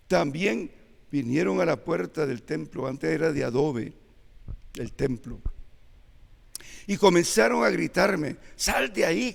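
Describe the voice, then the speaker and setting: An old man preaches in a church, his voice rough and gravelly, slightly higher than most men's. He speaks slowly in measured phrases that swell with emphasis. A long reverb hangs around his words in the sanctuary. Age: 80s. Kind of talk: sermon.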